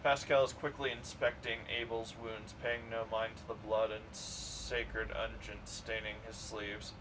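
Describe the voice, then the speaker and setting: A man streaming a game, reading its narration in a plain, steady way. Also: fairly low pitch, unhurried. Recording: distant mic with clear background noise.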